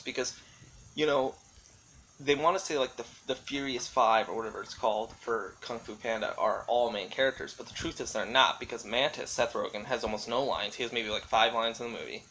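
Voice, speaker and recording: Rambling through his solo vlog commentary, a man muses out loud and keeps hedging his statements tentatively. He has a medium-pitched, sharp-toned voice, captured in a rough recording with clearly audible background noise.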